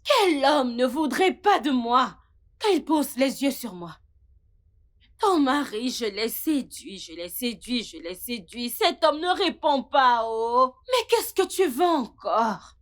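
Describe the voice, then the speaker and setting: A high-voiced brazen seductress. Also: female voice, sing-song, slow pace, heavily acted. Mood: defiant. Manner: taunting, mocking laughs. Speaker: character in a dubbed film. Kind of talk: dubbed film acting.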